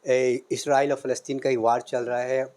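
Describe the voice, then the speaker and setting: A man's voice: medium pitch, level tone, normal speed, a little mellow. A man reporter putting direct questions to a teacher in an interview.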